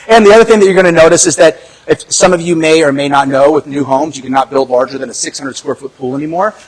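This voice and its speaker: A man's voice: fairly high pitch, fast, hardly any pauses, low-quality recording. A man giving a casual house tour as a real estate agent, chatty and upbeat with lots of fillers and easy laughs. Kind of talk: casual walkthrough commentary. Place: inside a large house.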